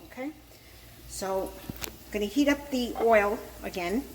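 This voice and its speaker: A woman's voice: mid-range voice, a little slow. A mature woman with a Brooklyn accent casually talking through a home-cooking demonstration as she works. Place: echoey apartment kitchen, indoors. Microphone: handheld camera, no tripod. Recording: echoey room with clear frying sizzle noise. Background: sizzling pan and stirring.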